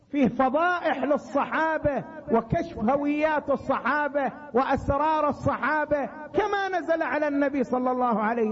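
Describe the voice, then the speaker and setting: A male preacher, giving an emphatic religious sermon that sinks into low, chanted recitation when he quotes scripture. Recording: dull lo-fi recording.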